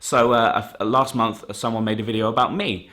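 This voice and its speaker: A man with a fairly low voice puts a question to a show. He explains casually and at length. He is hesitant and apologetic as he goes. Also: steady tone, a little fast, bright, forceful tone. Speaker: listener sending a video question.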